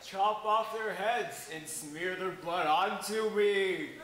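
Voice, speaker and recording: Man playing a slow, ghostly talking statue. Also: high-pitched. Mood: eerie, commanding. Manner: drawn-out ghostly delivery. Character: ghostly voice of a faithful servant turned statue. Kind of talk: amateur comic stage play. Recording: echoey stage recording with background noise.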